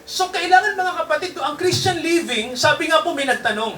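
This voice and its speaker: A man's voice: extremely high pitch, expressive, fairly quick, bright, forceful tone, reverberant, recorded from a distance, a little hiss or hum. A man preaching a sermon to his congregation in a mix of Tagalog and English, constantly checking in with tag questions. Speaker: pastor. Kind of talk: Taglish sermon.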